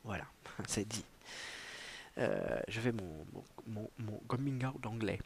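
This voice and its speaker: A man's voice: fairly low pitch, expressive, takes it slowly, creaky, slight background noise. A man hosting a solo livestream, rambling and self-mocking with stammering restarts and bits of playful English. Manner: drops in playful mock English. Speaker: livestream host. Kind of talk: casual solo livestream chat.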